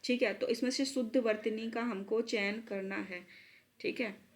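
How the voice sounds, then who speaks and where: A woman teacher giving an online spelling lesson for exam students, repeating words slowly and mixing in English terms. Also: on the high side, fairly even intonation. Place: at a laptop.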